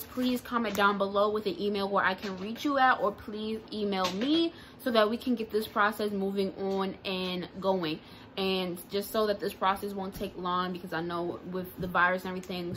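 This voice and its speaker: A woman's voice: mid-range voice, a bit bright. A young woman chatting straight into a phone held close, loose, playful and full of slang, in an easy mid-range voice. A faint hum of background noise sits under her. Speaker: vlogger. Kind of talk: casual vlog chat. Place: car, store, then bedroom at home. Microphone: phone camera held close.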